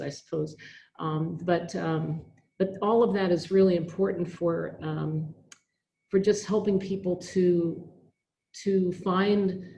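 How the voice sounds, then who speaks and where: A woman's voice: lowish voice, dark tone, a little hiss or hum. A woman who teaches and belongs to a religious order, talking reflectively on a video call from a school science lab, with many fillers and restarts.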